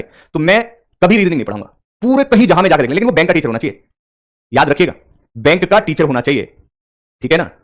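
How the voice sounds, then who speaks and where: A man teaching reasoning for bank exams in a live online class, speaking mixed with English terms and talking straight to his students. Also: on the high side.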